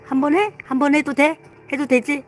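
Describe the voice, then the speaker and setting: A woman's voice: high-pitched, moderate pace, faint music behind, rough recording. A woman streaming live and coaxing her pet dog to come and get washed. She repeats herself over and over in a sing-song tone and breaks into chuckles. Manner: coaxing, repetitive, laughing often. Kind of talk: casual live stream talk.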